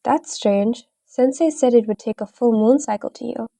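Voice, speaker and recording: A woman voicing a brash, bossy little boy who talks in a gruff, dismissive, blunt way in a read-aloud story. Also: on the high side, moderate pace, dark tone, no echo.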